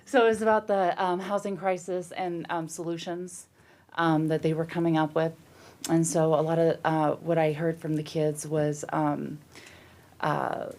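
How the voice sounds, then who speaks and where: A woman's voice: sits low, level tone, slow pace, darkish tone. A city councilwoman giving her report at a council meeting, slightly out of breath and hesitant, with many ums and restarts.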